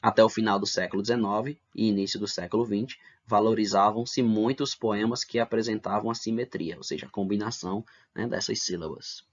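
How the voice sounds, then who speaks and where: A man's voice: lowish voice, fairly even intonation, a little fast, hardly any pauses. A man teaching an online lesson, explaining step by step and checking in with "né?" and "tá bom?". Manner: explains step by step, asks rhetorical questions, adds "né?" and "tá bom?". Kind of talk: online lesson for middle school. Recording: dull lo-fi lesson recording.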